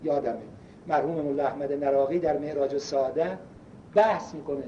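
A man preaching a sermon and telling stories, swinging between loud emphasis and hushed quotes. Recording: echoey, distant, dull lo-fi with faint rumble.

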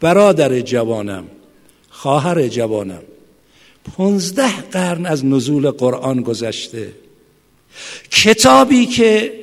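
A man preaching an impassioned sermon, swinging from hushed, low passages to loud shouting. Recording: long hall reverb.

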